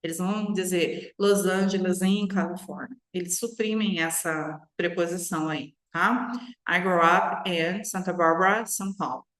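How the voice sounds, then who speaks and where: A Brazilian woman teaching English pronunciation in an online lesson, stretching model phrases out slowly, then explaining quickly and checking in with "tá?". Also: on the low side, bright, forceful tone, reverberant. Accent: Brazilian Portuguese. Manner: slow, drawn-out model phrases followed by quick explanations, frequent "tá?".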